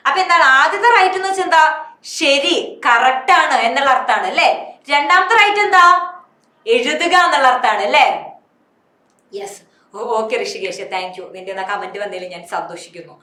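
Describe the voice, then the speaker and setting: A woman's voice: high voice, brisk, bright, forceful tone, reverberant. A woman English teacher with a Malayali accent, teaching an online class and answering her own questions. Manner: asks questions and answers them herself.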